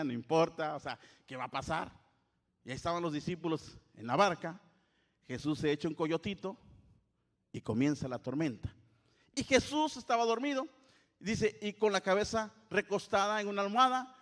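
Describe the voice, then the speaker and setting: A man preaching a sermon, talking animatedly and acting out the voices in the story. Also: sits high. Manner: animated, acts out the disciples' shouts. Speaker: pastor. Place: church hall. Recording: long hall reverb in a church.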